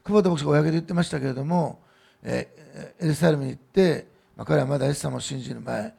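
A man's voice: fairly high pitch, quick pace, gravelly, dark tone, slightly rough. A middle-aged man giving a sermon as pastor at a church service, in a loose, conversational way with fillers and asides.

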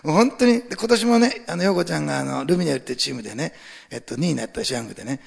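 An older man preaching a sermon as pastor, chatting with the congregation and swinging between near-whispers and loud, rising exhortation. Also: fairly high pitch, expressive, rapid-fire, creaky, husky. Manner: talks to the congregation with questions and asides. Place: church sanctuary. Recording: long hall reverb.

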